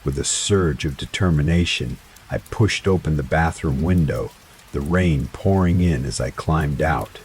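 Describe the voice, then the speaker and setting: A man narrating a first-person horror story in a slow, dramatic scripted style. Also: rumbling low, a little mellow, slight background noise. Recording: faint rain sounds behind voice. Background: rain ambience.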